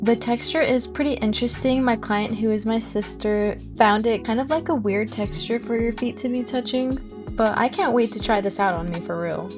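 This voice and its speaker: A woman's voice: fairly high pitch, moderate pace. Chatty young woman over music. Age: 19, about to turn twenty. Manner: chatty, informal, friendly address to viewers. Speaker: nail tech video host. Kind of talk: casual tutorial voice-over and vlog chat. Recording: music behind the voice. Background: background music.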